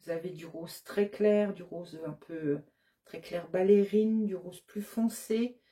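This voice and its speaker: A woman's voice: lowish voice, steady tone, slow, warm tone. A woman who runs a yarn shop, casually showing her new colorways on camera, listing the colors one by one with many hesitant fillers. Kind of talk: casual product show-and-tell.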